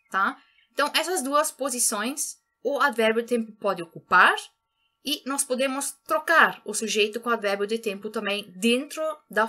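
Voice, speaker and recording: Bright-voiced woman teaching German. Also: fairly high pitch. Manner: patient, repeats points, slows down for German examples. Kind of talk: explanatory video lesson.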